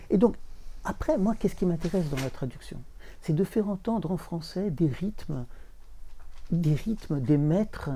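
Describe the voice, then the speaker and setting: A man talking as a literary translator before an audience, halting, repeating words and chanting verse rhythms. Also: fairly high pitch, warm tone. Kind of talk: bookshop talk with audience.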